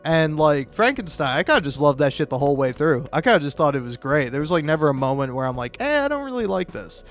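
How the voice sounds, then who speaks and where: This Florida-born American gaming creator talks fast in a slightly high voice with big swings in pitch. He rambles casually over his gameplay, unsure of himself and poking fun at himself, often stammering and repeating words, while music plays behind him.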